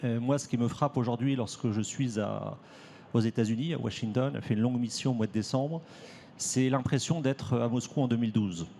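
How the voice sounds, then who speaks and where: A man's voice: mid-range voice, a little fast, gravelly, warm tone, a little hiss or hum. A man speaking as a historian on a panel, explaining steadily with a dry touch. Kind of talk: panel discussion.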